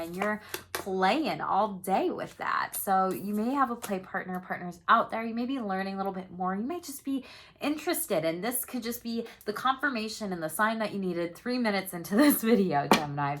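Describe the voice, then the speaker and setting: A young woman reads tarot cards for her viewers in a loose, chatty way. She is upbeat, swears easily and laughs between phrases, at a mid pitch. A faint hiss sits under the recording. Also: a bit bright. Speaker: tarot reader. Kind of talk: casual tarot reading to camera.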